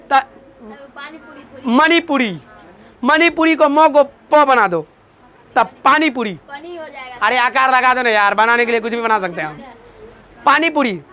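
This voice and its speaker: High bright-voiced man teaching a class. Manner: repetitive call-and-response drilling, joking. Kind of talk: classroom lecture with memory tricks.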